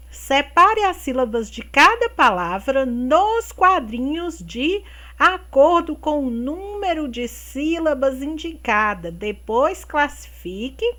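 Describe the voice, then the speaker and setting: A woman teacher giving a remote lesson to young children, speaking slowly and clearly, stretching out words and checking in with tag questions. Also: high voice, a bit bright. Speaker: primary school teacher.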